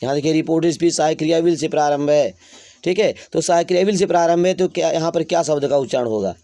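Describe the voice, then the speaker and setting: Male teacher, mellow, slightly high, dry sound, dictates slowly. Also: no room sound. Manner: slow dictation of example sentences, explaining in Hindi. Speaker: English grammar teacher. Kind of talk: classroom lesson.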